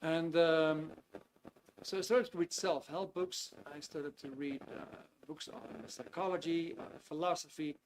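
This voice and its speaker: A Dutch man in his fifties from the Netherlands hosts a live online webinar, easygoing and chatty with many hesitations. His voice is fairly high with fairly even intonation and a measured pace, recorded on a video call computer mic against a noisy background.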